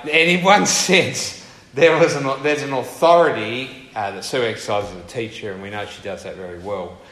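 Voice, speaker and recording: A man's voice: medium pitch, a bit bright. A man giving an informal sermon in church, reading Bible passages and talking easily with asides to his congregation. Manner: conversational, with many fillers and asides to the congregation. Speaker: preacher. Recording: echoey room.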